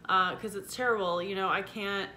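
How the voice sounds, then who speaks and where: Bright-voiced woman talking with a sore jaw. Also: steady tone, normal speed, a little hiss or hum. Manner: talks with a sore, stiff jaw and numb lower lip, slightly impaired articulation. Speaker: vlogger giving a surgery recovery update. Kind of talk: casual chat to camera. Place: indoor room at home.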